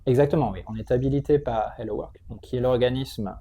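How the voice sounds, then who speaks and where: Guy in an interview, kinda gravelly mellow voice, lots of searching for words, bit of background noise. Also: medium pitch, a little fast. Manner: hesitant, explanatory, often repeats words while searching. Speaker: interview guest, tech training school entrepreneur. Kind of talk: conversational interview answers.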